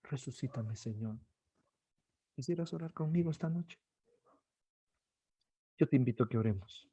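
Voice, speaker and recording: A male pastor with a Guatemalan accent preaching an impassioned sermon, swinging between soft pleading and loud cries. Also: mid-range voice, normal speed, breathy edge, no echo. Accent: Guatemalan Spanish. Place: church service streamed online.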